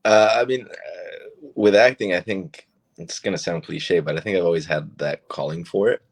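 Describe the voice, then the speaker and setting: A man from Argentina with Spanish as his first language, a guest actor telling stories in a relaxed, casual interview. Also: sits low, normal speed. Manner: relaxed, storytelling, many fillers.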